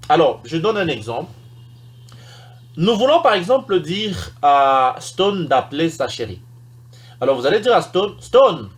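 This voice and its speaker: Here a high-pitched, animated man records an English lesson, going through the material slowly. He repeats each English example sentence, leaning on it with emphasis.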